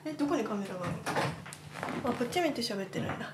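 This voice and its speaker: A woman's voice: a little high, animated, fast, reverberant, very noisy. A woman joining her husband's lesson for a moment, playful and unsure, asking questions as she talks. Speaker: host's wife, guest. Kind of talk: casual chat.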